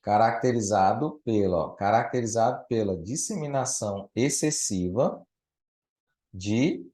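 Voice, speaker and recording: A man's voice: lowish voice, measured pace, dark tone. A male teacher gives a live grammar lesson to a student. He is patient and explains step by step, often checking whether she understands.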